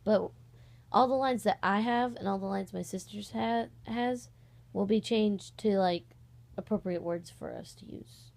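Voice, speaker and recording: Speaking at a measured pace, the young amateur voice actor and video host has a mid-range voice that's creaky and darkish. She talks from her bed at home, indoors, in an informal vlog chat that wanders and gets sidetracked.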